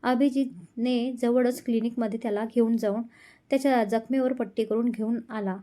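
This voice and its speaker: A woman narrating an emotional love story in a steady, scripted storytelling manner. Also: fairly high pitch, normal speed.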